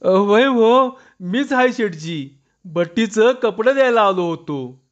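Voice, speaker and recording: A man's voice: high-pitched, animated, takes it slowly, pitched above the performer's own voice. A man voicing a frightened adult village washerman who wails and yelps in pain, on a dull lo-fi recording. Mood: pleading. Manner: panicky, wailing, yelping in pain.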